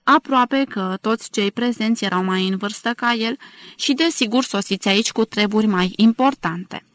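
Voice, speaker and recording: Measured woman narrating a novel. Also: medium pitch, a bit bright. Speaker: audiobook narrator. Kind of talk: scripted literary narration.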